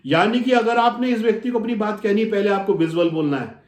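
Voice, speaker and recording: A man teaching a lesson on rapport, lively and acting out customer conversations, calling his listeners friends. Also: high-pitched, fairly quick. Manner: animated, acts out customer dialogues. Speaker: soft skills coach. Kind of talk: motivational lesson. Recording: echoey room.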